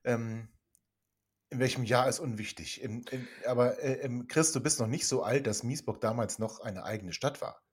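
A man's voice: medium pitch, moderate pace. German man hosting a football chat. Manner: leads the round, passing questions to co-hosts. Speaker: podcast host. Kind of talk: casual football podcast chat.

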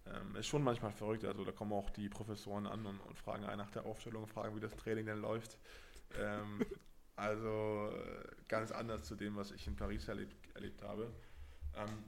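A man's voice: fairly low pitch, brisk, gravelly, a little hiss or hum. A young man from Berlin, co-hosting a casual podcast chat and talking loosely with lots of fillers and restarts. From Berlin, Germany. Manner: relaxed, chatty, many fillers and restarts. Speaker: podcast host and rugby player.

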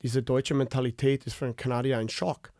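Canadian man in his fifties, halting German. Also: medium pitch, little pitch movement, darkish tone, no echo, clean studio sound. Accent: Canadian English. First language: English. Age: 50s. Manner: halting, many fillers and restarts. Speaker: podcast guest. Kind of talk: casual interview chat.

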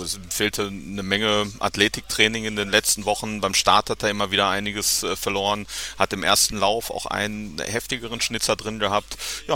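A male sports reporter joins a podcast as a guest, his voice low and sharp. He hesitates often, repeating words and filling pauses. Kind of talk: podcast interview.

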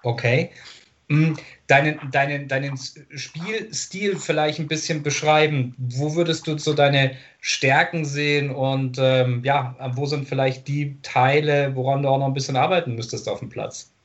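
A man interviews a tennis player, asking long, chatty questions and frequently pausing to find his words. His mid-range voice is steady and a little slow, and the sports interview has a dull lo-fi sound.

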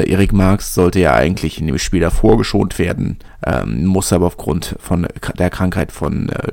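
A man with a slightly low voice hosts a podcast in easygoing spoken commentary. He thinks aloud, circling back and restarting phrases as he goes. The sound is dry and close, with no room echo. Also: vocal fry, warm tone. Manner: chatty, thinks aloud, often restarts sentences. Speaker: podcast host.

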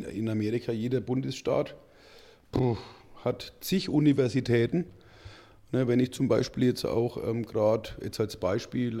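Gravelly, chatty German podcast host. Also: male voice, mid-range voice, warm tone. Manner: rambling, chatty, says "ich sag mal" a lot. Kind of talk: casual chat.

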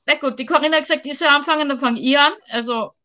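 A woman chats eagerly as a guest over a video call. Her voice sits high and sounds bright and forward. She talks in a lively, enthusiastic way. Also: fast. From Vienna, Austria. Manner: chatty, enthusiastic. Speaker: guest, football fan. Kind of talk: casual chat.

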